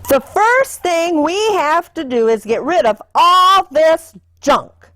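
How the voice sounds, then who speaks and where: A woman's voice: extremely high pitch, lively intonation, takes it slowly, a bit bright, no room sound, pitched above the performer's own voice, exaggerated voice. A woman voicing a strict, tidy mother bear from a storybook, speaking firmly and emphatically. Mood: exasperated. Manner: emphatic, firm.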